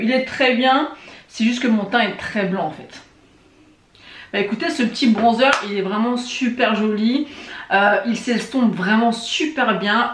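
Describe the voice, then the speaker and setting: A woman chatting casually to her viewers while testing makeup, often pausing on little hesitations. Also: on the high side, reverberant. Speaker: beauty vlogger. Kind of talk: casual makeup tutorial chat.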